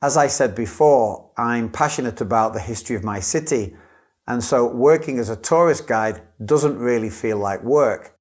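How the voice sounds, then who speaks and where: Clear-spoken male English teacher. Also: mid-range voice, moderate pace, darkish tone. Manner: clear, careful native-speaker delivery. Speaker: English teacher playing an exam candidate. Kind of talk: scripted model exam answers.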